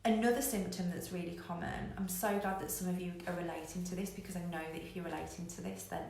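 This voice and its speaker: In a very echoey room with faint noise, a woman runs a live online coaching show for business, speaking frankly and forcefully and repeating phrases for emphasis. Her voice is lowish, gravelly, and darkish, with fairly even intonation and a quick pace.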